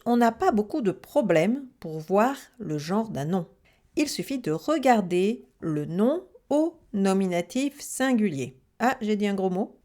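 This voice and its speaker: A woman teaching a Russian grammar lesson in French, lively and chatty, asking questions and answering them herself. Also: mid-range voice.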